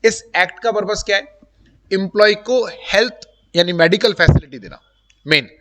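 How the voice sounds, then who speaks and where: High-voiced male teacher in an echoey classroom. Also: animated, normal speed, noisy background. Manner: chatty, talks directly to students, mixes in English terms. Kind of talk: live classroom lecture. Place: classroom with students. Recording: long room reverb.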